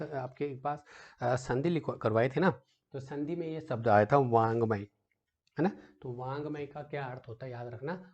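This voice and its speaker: With a warm, medium-pitched voice, a male teacher leads an exam-prep session, questioning students, calling them "बेटा" and frequently saying "ठीक है" with rhetorical check-ins. His explanations are patient, and the audio's high end is cut off.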